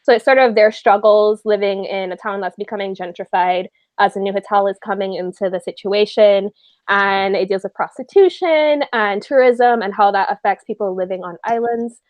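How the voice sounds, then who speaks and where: A woman's voice: medium pitch, steady tone, moderate pace, no echo. A woman, chatting and giggling on a book club video call. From Barbados. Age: 20s. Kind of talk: casual book club livestream chat.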